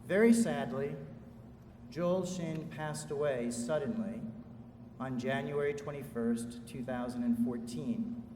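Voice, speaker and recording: A man delivering a formal commencement speech as a ceremony speaker, in a measured, solemn way with deliberate phrasing. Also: mid-range voice, dark tone. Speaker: ceremony speaker introducing an orator. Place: large indoor hall at a school commencement. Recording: echoey hall, distant mic, faint noise.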